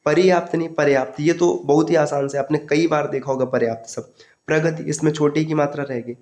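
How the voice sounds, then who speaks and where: A man's voice: a little high, fairly even intonation, brisk, darkish tone. A male teacher giving an online exam-prep lesson, steadily drilling correct and incorrect word forms and addressing students as friends.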